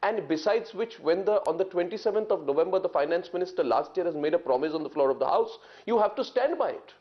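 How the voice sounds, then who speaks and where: A man's voice: high-pitched, animated, fast talker. A man anchoring a combative TV interview, pressing and interrupting his guest. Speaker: news anchor. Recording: dull TV broadcast audio.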